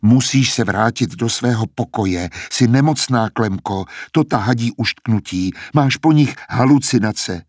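A man voicing a young wounded patient, dazed from sleep and medicine, trying to calm someone down. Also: medium pitch, few pauses, slightly rough, no echo, lightly acted. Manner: dazed, soothing, trying to sound casual.

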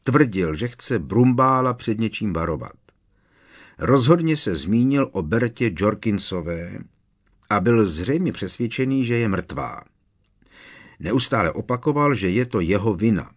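A man's voice: fairly low pitch, expressive. A man reading aloud, voicing a worried teenage boy wizard who speaks urgently and with emphasis.

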